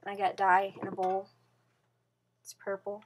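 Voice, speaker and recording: A woman vlogging casually from her bedroom into a computer webcam mic. She rambles with lots of fillers and restarts, drifting from soft mumbles to louder bursts. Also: medium pitch, completely flat delivery, unhurried.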